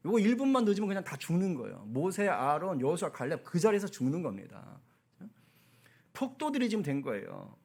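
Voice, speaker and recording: A male pastor preaching a sermon in a lively, conversational way, with asides to the congregation. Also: high-pitched, a little fast, creaky.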